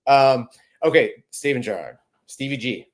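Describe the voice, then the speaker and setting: A man's voice: mid-range voice, expressive, unhurried. A man hosting a podcast, chatting casually and agreeably with his guest. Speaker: podcast host. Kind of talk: casual chat.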